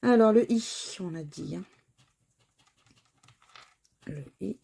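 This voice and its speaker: A woman's voice: medium pitch, lively intonation, takes it slowly, creaky, mellow, a little hiss or hum. A woman chatting casually to viewers as she scratches tickets, spelling out letters one by one. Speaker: scratch-card vlogger.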